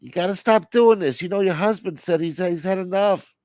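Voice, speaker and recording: A man voicing a middle-aged gangster son in a high, strained, whiny voice. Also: brisk, a little mellow, no echo, close to an everyday voice. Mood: exasperated.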